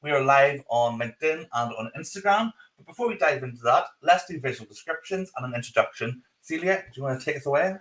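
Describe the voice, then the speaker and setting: A man's voice: mid-range voice, expressive, fast talker, hardly any pauses, a bit bright. A man with a strong Northern Irish accent, hosting a live podcast in a casual, chatty style. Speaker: podcast host. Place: office. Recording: roomy echo on the voice.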